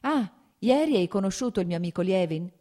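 A woman's voice: medium pitch, lively intonation, a little fast, dark tone, voice pushed up, lightly acted. A woman reading the lines of a jovial, sociable nobleman in an audiobook, in a hearty, exclaiming manner. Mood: chatty.

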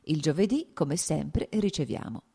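A woman's voice: deep voice, lively intonation, measured pace, vocal fry, warm tone, husky, full character voice. A woman voicing a cool, dry aristocratic older mother, a princess, in an audiobook reading, with formal, curt lines.

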